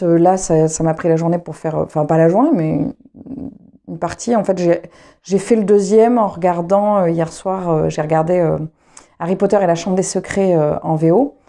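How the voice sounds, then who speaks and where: A fairly low, mellow female voice with vocal fry belongs to a young French knitting vlogger and trumpet player. She talks casually to camera, rambling and full of fillers and restarts.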